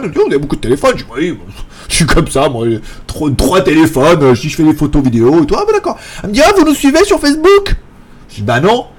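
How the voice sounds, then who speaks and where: Lively jokey French-speaking man rambling. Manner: rambling and jokey, laughs often, mimics others in a high voice. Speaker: tech YouTuber hosting a daily live. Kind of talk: casual live chat. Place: apartment in Thailand.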